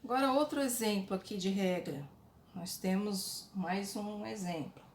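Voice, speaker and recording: A Brazilian woman teacher giving a slow, patient lesson to young pupils and repeating the key points. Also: mid-range voice, slight background noise. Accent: Brazilian Portuguese. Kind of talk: recorded online class for children. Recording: echoey room.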